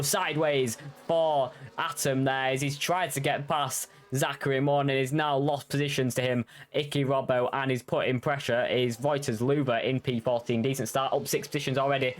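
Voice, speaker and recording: A man commentating live on an online motor race in an excitable, effusive way. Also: medium pitch.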